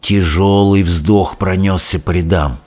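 A man narrating a storybook in an expressive, dramatic way. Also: sits low, measured pace. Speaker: audiobook reader.

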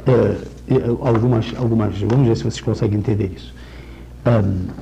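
A middle-aged man giving a literature lecture, talking in a rambling, discursive way with restarts and slowing down to recite verse. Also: lowish voice, creaky, mellow, lo-fi sound, a little hiss or hum. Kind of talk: literature lecture with poem readings.

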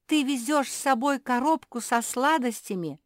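A woman's voice: high voice, lively intonation, normal speed, no room sound, pitched above the performer's own voice. A bossy older sister pug from a storybook, indignant and demanding, with a raised voice that a woman puts on. The sound is dry and close.

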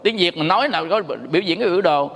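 A man's voice: high-pitched, racing, a bit bright. A Buddhist monk teacher giving a dharma talk, telling stories and playfully singing the tone syllables to make his point. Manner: storytelling, sings tone syllables playfully. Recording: long hall reverb.

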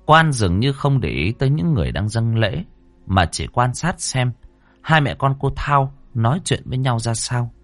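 A man narrating a ghost story in an expressive, dramatic way, close to the microphone. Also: medium pitch, moderate pace, no echo, soft background music.

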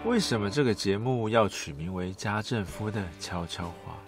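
A middle-aged man hosting a podcast, narrating a script in a soft, intimate pillow-talk manner, like bedtime storytelling. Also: lowish voice, moderate pace, soft background music. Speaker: podcast host.

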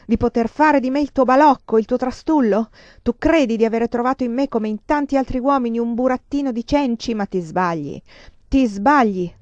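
A woman's voice: a little high, moderate pace, dark tone, no echo, lightly acted. A woman reading a storybook who voices a desperate, possessive male suitor, speaking with impassioned pleading and command. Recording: dry, slightly dull lo-fi recording.

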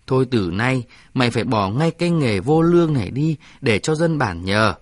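Guy doing a stern old village elder, slow and scolding, dry recording. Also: lowish voice, animated, dry recording.

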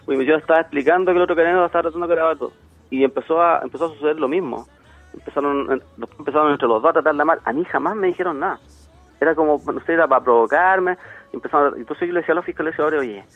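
Fast-talking Chilean man on a phone line. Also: on the high side, no room sound. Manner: rapid retelling full of quoted dialogue. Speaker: interviewee on a radio call. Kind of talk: phone-in interview account. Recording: tinny phone line, dry.

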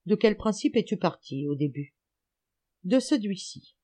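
A woman reading an audiobook, voicing an elderly, gouty male amateur detective who is excited, teasing and lecturing. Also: medium pitch, measured pace.

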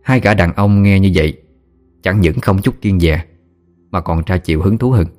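A man narrating a scripted audio story in a steady storytelling manner. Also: low voice, moderate pace, soft background music.

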